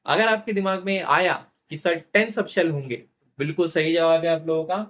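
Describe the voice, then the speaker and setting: A man teaching chemistry in a classroom-style lecture, asking questions and answering them himself, slowing down to spell out formulas, and gently teasing his students. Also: a little high, steady tone. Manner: asks questions and answers them himself, repeats key terms; playfully teasing toward students.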